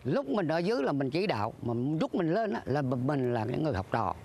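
An older former troupe leader reminiscing earnestly in an interview, acting out old conversations. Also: male voice, a little high, very animated, fast, vocal fry, a little mellow, slight background noise. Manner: earnest, acts out dialogue, breaks into sung lines.

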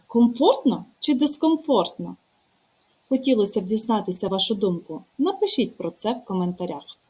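A woman's voice: medium pitch, a little mellow, breathy edge, rough recording. A woman teacher giving an online grammar lesson, putting questions and tasks to her viewers.

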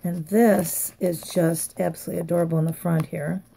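A woman's voice: on the low side, steady tone, moderate pace, vocal fry, mellow, slightly rough. A woman chatting casually to viewers as she unwraps craft mail, gushing and a little tired. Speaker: craft vlogger. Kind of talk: casual unboxing chat.

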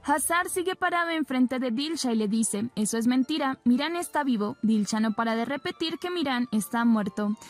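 A woman's voice: sits high, animated, normal speed, few pauses, soft background music. A woman narrating a recap of a TV drama episode, retelling scenes and reading the characters' lines in her own plain voice. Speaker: soap opera recap narrator.

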